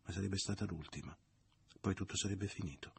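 Man reading a novel aloud, husky deep voice, dry close sound. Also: no room sound. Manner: measured, literary. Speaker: narrator.

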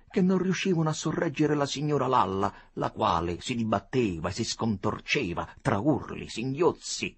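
Very husky male audiobook narrator. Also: fairly low pitch. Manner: expressive, theatrical reading. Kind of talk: dramatic audiobook reading.

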